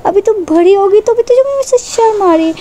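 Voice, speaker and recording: Lady doing a scolding mom, high and exasperated, nagging nonstop. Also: fairly quick, warm tone, slight background noise. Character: scolding worried mother, sharp-tongued.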